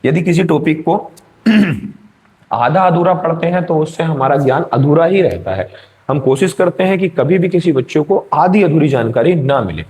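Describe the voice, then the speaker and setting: A man's voice: a little high, animated, normal speed, darkish tone. A male teacher giving an exam-prep grammar lesson, explaining step by step and checking in with his students.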